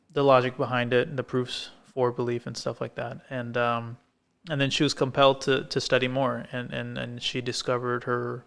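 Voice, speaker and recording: A male co-host on a coffee-shop-style podcast set talks loosely and rambles, often using fillers and restarting sentences. His voice is medium in pitch, with vocal fry and a slightly bright, clean tone.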